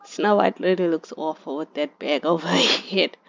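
In a slightly dull, lo-fi recording, a woman who makes gaming videos comments on her play and speaks to the characters in a chatty, relaxed way. Her voice is low-pitched with vocal fry, at a moderate pace.

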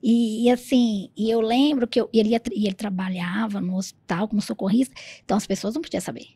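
A soft-spoken woman with a Brazilian Portuguese accent, hosting a podcast in a gentle, quiet manner. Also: mid-range voice, fairly even intonation, fast talker, husky, dry recording. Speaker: podcast host. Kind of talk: casual conversation.

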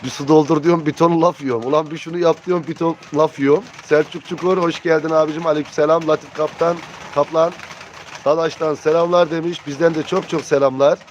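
A man's voice: a little high, steady tone, brisk. A man chatting casually and colloquially as he hosts a live bird auction stream, addressing viewers familiarly. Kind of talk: casual livestream chat, greeting viewers and showing birds. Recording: muffled, noisy, cooing pigeons behind. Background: pigeons cooing, birds.

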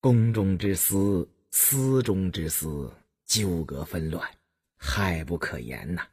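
A smooth, flattering general, played by a male narrator, voice sunk low, slow unhurried words with a husky grain. a storybook courtier all ingratiating ease. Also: heavily acted.

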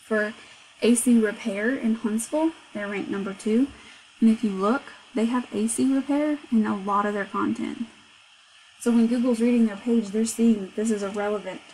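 A woman's voice: fairly high pitch, a little mellow, a little hiss or hum, poor audio. Chatty woman explaining a screencast. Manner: conversational, explaining step by step with frequent "so". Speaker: marketing agency owner. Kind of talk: screencast walkthrough.

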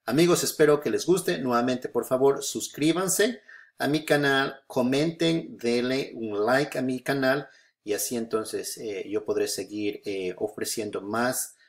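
Patient man teaching software step by step. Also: medium pitch, unhurried. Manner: patient, repeats steps, frequent filler "eh" and "¿no es cierto?". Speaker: photography tutorial host. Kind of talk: screen-recorded software tutorial.

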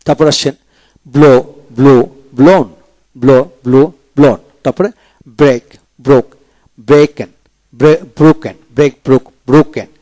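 A male teacher works through verb forms, saying each one twice in a steady drilling rhythm. His voice sits at an ordinary middle pitch. The sound is dry and close, with no room around it. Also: moderate pace, dry recording. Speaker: English grammar teacher. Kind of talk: slow explanatory lesson.

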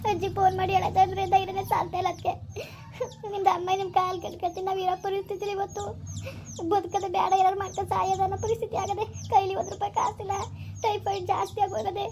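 A woman's voice: very high-pitched, monotone, racing, few pauses, dark tone, a little hiss or hum. A woman playing a desperate young sister who anxiously begs for help in an amateur village drama. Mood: pleading. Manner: pleading, anxious.

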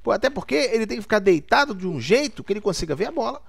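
Man playing a stammering clumsy sports pundit, gravelly voice, high and lively pitch, comic co-host. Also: rapid-fire, full character voice. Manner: stumbles and stammers over each name. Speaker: comedy show co-host.

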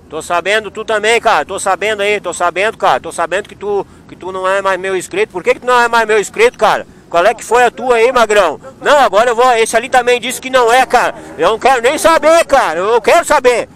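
A man's voice: sits high, fairly quick, fairly bright tone, slight background noise. A man speaking, vlogging outdoors at a motorcycle meetup and teasing friends in a joking mock confrontation. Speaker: motovlogger. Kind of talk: casual vlog chat.

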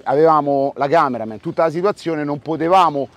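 A man's voice: a little high, fairly quick. A man in his forties with a Roman Italian accent, explaining things to camera as a street vlog host. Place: outdoors on a city street. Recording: street recording with faint traffic noise.

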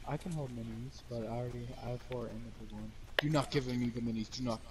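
A man's voice: medium pitch, fairly even intonation, fast talker, background noise. A young man chatting during a game, giving orders and calling out his teammate. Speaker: gaming friend. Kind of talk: casual gameplay chat.

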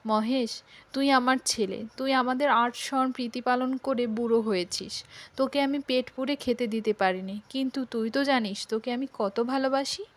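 A woman's voice: high-pitched, moderate pace, close to an everyday voice. A woman reading a poor grieving farmer. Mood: tender. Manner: soft, pleading. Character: poor middle-aged male farmer, gentle and grieving.

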